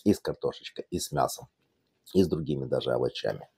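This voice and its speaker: Deep, husky man with an Odesa accent. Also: very animated, quick pace, warm tone, dry recording. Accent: Odesa Russian, Yiddish-tinged. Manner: folksy, repetitive, fond of affectionate diminutives. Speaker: cooking channel host. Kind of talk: casual cooking demonstration.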